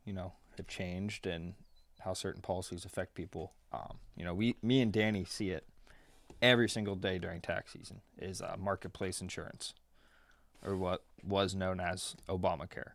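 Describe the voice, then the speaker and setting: Young man, very deep gravelly voice, halting casual chat, dry close sound. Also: fairly even intonation, no room sound. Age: 20s. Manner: hesitant, many ums and you-knows. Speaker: podcast co-host, tax preparer.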